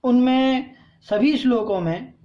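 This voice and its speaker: Slow-paced woman teaching verse recitation. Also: a little high, mellow, lo-fi sound. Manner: patient, recites verses slowly and has listeners repeat. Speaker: teacher of a scripture class. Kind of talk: recitation lesson.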